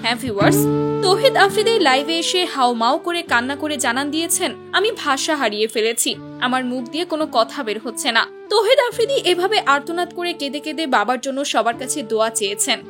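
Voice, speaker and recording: A woman's voice: high-pitched, lively intonation, brisk. A woman with a Bangladeshi accent reading a scripted celebrity news report to viewers. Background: music.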